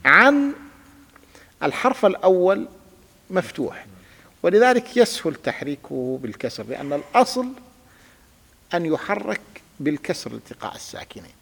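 A man's voice: high voice, very animated, normal speed, vocal fry, pauses often, a bit bright, breathy edge. A man teaching a classical grammar lesson, patiently explaining step by step and having his student repeat words. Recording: reverberant room with long echo.

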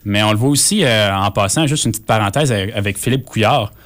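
A man with a Québécois French accent talks through politics in a casual discussion, explaining in a measured, hesitant way. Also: lowish voice, a bit bright. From Quebec, Canada.

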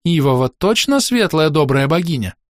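A man's voice: fairly high pitch, big pitch swings, normal speed, no echo, clean studio sound, voice pushed up. A man voicing a blunt, chatty young girl, the narrator's daughter, telling what she saw in a childlike way. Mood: cheeky.

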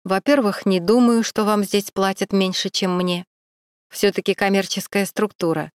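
A woman's voice: mid-range voice, fairly even intonation, moderate pace, no room sound, studio quality, lightly acted. A woman voicing a stern middle-aged police captain who questions coldly and with irony. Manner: cold, pressing, ironic.

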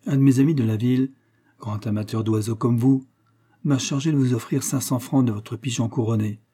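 Man voicing a gentle old priest: husky, dark, earnest and pleading. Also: medium pitch, steady tone, fairly quick, natural voice. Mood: persuasive. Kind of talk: audiobook character reading.

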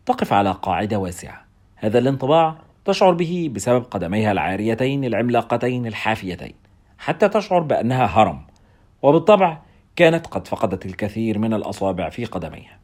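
A man reading a novel aloud, with wry, expressive first-person narration. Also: lowish voice, fast talker.

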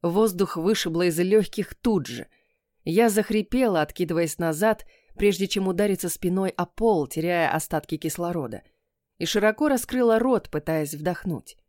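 Woman, audiobook narrator, first-person fantasy story, steady expressive reading, dry close sound. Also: lowish voice, moderate pace, no echo.

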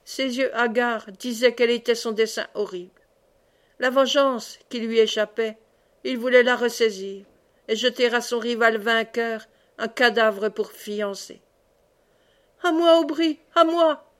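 A woman reading a classic novel aloud as an audiobook, expressive in the dialogue. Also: a little high, a little slow. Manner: expressive, raises voice for cries. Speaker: audiobook reader.

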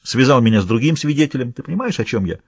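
A man's voice: medium pitch, animated, very fast, slightly rough, no echo. A man voicing a tense male criminal accomplice in an audiobook, blunt and clipped.

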